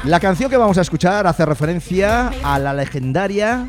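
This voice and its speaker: A man's voice: high voice, animated, normal speed. A male radio co-host in casual, jokey banter who likes to explain facts on air. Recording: radio show with music bed. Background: music.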